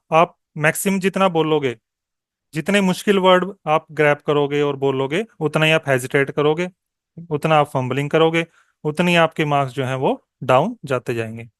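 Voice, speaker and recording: This online exam-prep lesson comes from a male coaching tutor whose voice is higher-pitched, smooth and clear. Blending Hindi with English, he keeps asking "okay?" and turns slow and deliberate while modelling answers, all in clean studio sound with no room noise.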